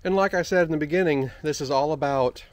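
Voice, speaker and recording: A man co-hosting a casual farm cooking vlog outdoors, relaxed and talkative. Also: on the high side, quick pace, no echo. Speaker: farm vlogger co-host. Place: outdoors by a fire pit on a farm.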